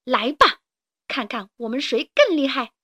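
A woman voicing a cocky young male rooster in a storybook reading, crowing loudly and boasting. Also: high-pitched, very animated, measured pace, husky, dry recording, studio quality, exaggerated voice. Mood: boastful.

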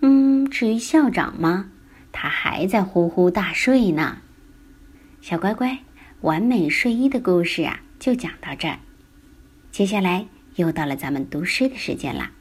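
Female children's storyteller, gentle bedtime narration, very unhurried, breathy husky tone. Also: fairly low pitch, lively intonation.

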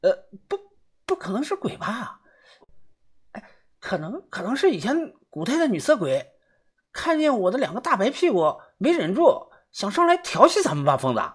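A man voicing a crude, jumpy young man who jokes and swears loudly. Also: sits high, huge pitch swings, normal speed, slightly rough, voice pushed up, exaggerated voice. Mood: nervous joking. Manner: crude, loud, teasing.

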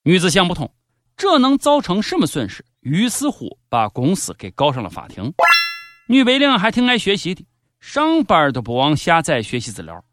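Animated, sardonic man with a Shaanxi accent. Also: sits high, moderate pace. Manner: sardonic, mock-serious. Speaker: host of a satirical news commentary show. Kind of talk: comedic scripted news commentary. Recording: background music under the voice. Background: music.

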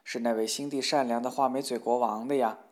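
A man's voice: mid-range voice, steady tone, fairly quick, close to an everyday voice. A man voicing a ragged wandering minstrel who speaks to his wife bluntly, in a storybook reading. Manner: plain, blunt.

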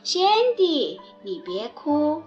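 A woman voicing a friendly plush toy rabbit in a storybook, coaxing gently. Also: high-pitched, sing-song, very slow, dull audio, soft background music, heavily acted.

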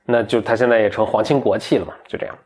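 A man casually retelling a folktale in a relaxed, chatty way, with many fillers and restarts. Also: fairly low pitch, rapid-fire. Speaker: storyteller.

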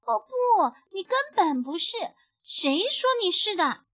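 A woman voicing a brave, indignant little girl bunny in a storybook, speaking high and loud. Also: sing-song, unhurried, dry recording, studio quality, full character voice.

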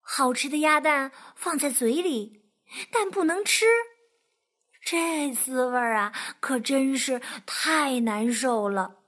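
A woman reading a children's picture book aloud in a lively, expressive way. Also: high-pitched, takes it slowly. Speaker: storyteller.

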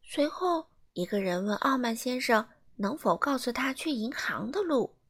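Animated woman reading a children's story. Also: a little high, moderate pace, husky. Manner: animated, asks listeners questions.

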